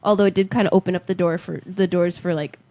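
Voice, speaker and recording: A woman's voice: on the low side, quick pace, slight background noise. A woman co-hosting a podcast in casual, chatty conversation. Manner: animated, chatty. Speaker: podcast co-host. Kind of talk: casual chat.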